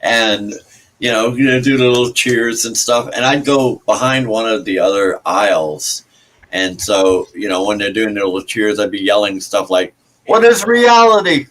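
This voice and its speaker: Low-voiced man telling dry jokes. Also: fairly even intonation, fairly bright tone, rough recording. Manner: dry joking storyteller, halting with repeated fillers. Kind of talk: casual chat, telling jokey anecdotes.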